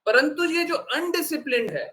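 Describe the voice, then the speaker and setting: Male spiritual teacher, high bright voice, earnest lecturing tone with frequent rhetorical questions. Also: lively intonation, normal speed, rough recording. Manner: mixes English words into his speech. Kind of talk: devotional discourse.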